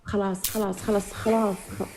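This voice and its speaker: A woman's voice: medium pitch, level tone, quick pace, vocal fry, dark tone, reverberant, slight background noise. A woman on a video call, pleading and repeating her refusals over and over. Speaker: prank target on a video call.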